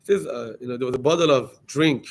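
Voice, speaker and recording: A man teaching a class as a rabbi, telling a story in a lively way, acting out what people said, with many fillers and restarts. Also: mid-range voice, fast. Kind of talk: storytelling lecture.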